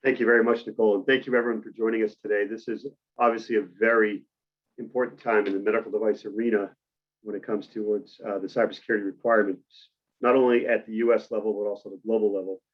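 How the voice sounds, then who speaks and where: Man, boston accent, low voice, dull lo-fi call audio, measured presenter. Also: level tone. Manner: measured, explanatory, with frequent uhs. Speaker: industry presenter. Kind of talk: webinar presentation. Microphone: video call mic.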